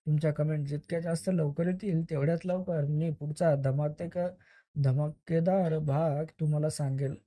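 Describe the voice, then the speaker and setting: A man narrating a first-person story in a plain, steady reading voice, now and then correcting himself. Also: a little high, normal speed, no room sound.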